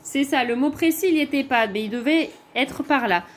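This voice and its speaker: A woman's voice: sits high, slight background noise. A woman teacher with a French accent, patiently walking young pupils through the corrections of their homework, step by step. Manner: slow, patient, pointing things out step by step. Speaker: primary school teacher.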